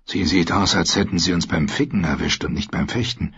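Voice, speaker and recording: A cocky captive knight drips sarcasm and mock courtesy, played by a male reader. His voice is a bit husky, and the recording sounds dull and lo-fi. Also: deep voice, a little fast, fairly bright tone, exaggerated voice. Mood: sneering. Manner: sardonic, mocking.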